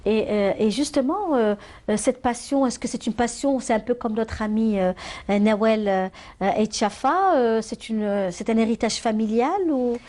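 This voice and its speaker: A female TV host with an Algerian accent and a fairly high voice. She chats with guests and callers in a hesitant way, often doubling her words as she goes. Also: normal speed, darkish tone. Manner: hesitant, frequent repeated acknowledgements. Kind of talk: live interview and phone-in chat.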